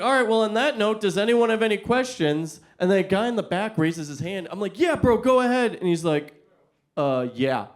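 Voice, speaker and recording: A young American man performing a stand-up comedy set, telling stories in an animated way and acting out the other people in them. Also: high-pitched. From United States. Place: comedy venue before a live audience.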